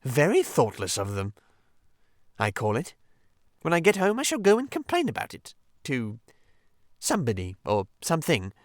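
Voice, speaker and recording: A man's voice: medium pitch, wildly swooping pitch, normal speed, long pauses, no echo, studio quality, voice pushed up. A man voicing a fussy, pettish male mole who is stubborn and literal-minded, speaking in a prim, indignant way.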